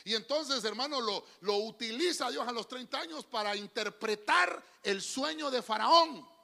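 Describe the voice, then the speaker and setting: A male pastor, preaching an animated, folksy sermon to a congregation and often calling listeners "brother". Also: very high-pitched, vocal fry, in a large hall. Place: church before a congregation.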